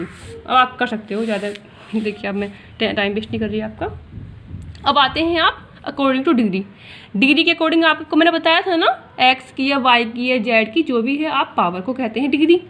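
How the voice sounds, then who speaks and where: Woman, high voice, patient classroom maths teacher who mixes English terms in. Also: fairly bright tone. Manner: explains step by step, asking and answering her own questions; addresses students directly, repeats key points.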